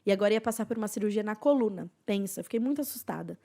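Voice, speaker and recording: A young woman, a podcast guest telling a personal testimony in an earnest, emotional way with soft, hushed passages. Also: medium pitch, lively intonation, racing, vocal fry.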